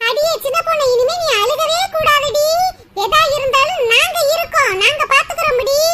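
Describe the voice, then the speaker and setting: A woman voicing a bossy but kind-hearted village woman in a cartoon, scolding and comforting with laughs. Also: extremely high pitch. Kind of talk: cartoon voice acting. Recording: loud background noise.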